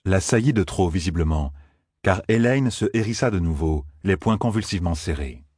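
A man narrates a fantasy audiobook in a very deep, slightly husky voice. His delivery is measured and even. The recording is dry and close to the mic. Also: dry recording.

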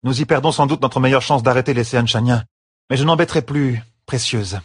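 A sorceress who gives her word formally and grudgingly, voiced by a male audiobook reader. The pitch is raised above his own voice, a little husky, in a dry, close recording. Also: brisk, no echo, lightly acted. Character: contrite woman sorceress, grudging. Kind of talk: audiobook character voice.

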